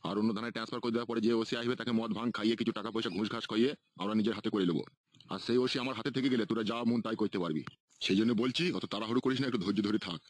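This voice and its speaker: A man playing a scheming bossy politician, rapid talk, dry close sound. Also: on the low side, steady tone, no echo, close to an everyday voice. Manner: explaining plots patiently, talks down.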